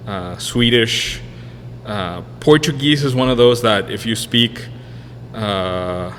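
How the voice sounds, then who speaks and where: A lowish, fairly bright male voice belongs to a thirty-something podcast guest who co-owns a brewery. Spanish is his first language, and he moved from a Spanish-speaking country to the US in 1999. Answering interview questions, he rambles, restarting often and using many fillers, in a room with long reverb and a little background noise.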